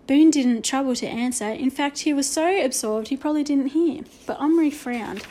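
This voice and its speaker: A woman reads a children's story aloud, steady and expressive. Her voice sits a little high for a woman. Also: moderate pace. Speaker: audiobook narrator. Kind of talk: children's book reading.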